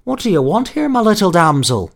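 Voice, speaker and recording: A man's voice: fairly high pitch, huge pitch swings, normal speed, pitched above the performer's own voice. A man voicing a friendly little male hunter of the woods in a storybook reading. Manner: friendly, sprightly.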